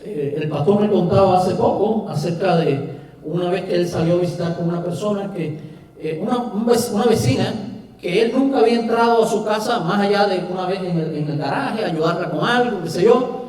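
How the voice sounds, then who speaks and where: A man's voice: high-pitched, fairly quick, darkish tone. A middle-aged man with a Cuban Spanish accent, preaching a sermon in a conversational way with rhetorical questions. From Cuba. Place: church hall. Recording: echoey hall from far off.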